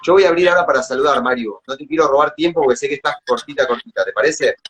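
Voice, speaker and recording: A man's voice: mid-range voice, very fast, a bit bright, slight background noise. Earnest Rioplatense doctor, a man. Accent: Rioplatense Spanish. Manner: earnest, repeats words when searching. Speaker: pediatric gastroenterologist. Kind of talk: live stream talk.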